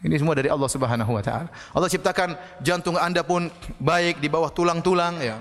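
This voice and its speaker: A man giving a religious lecture, telling a story in a lively way and acting out the people in it. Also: on the high side, fast talker, long reverb tail. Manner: storytelling, animated, acts out quoted voices loudly. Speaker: preacher.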